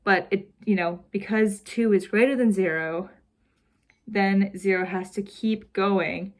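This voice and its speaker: A woman's voice: medium pitch, fairly even intonation, measured pace. A young woman casually walking through her homework answers as a student, rambling with lots of "basically" and "like", a little out of breath. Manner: rambling, heavy use of "basically" and "like". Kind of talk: casual recorded homework walkthrough.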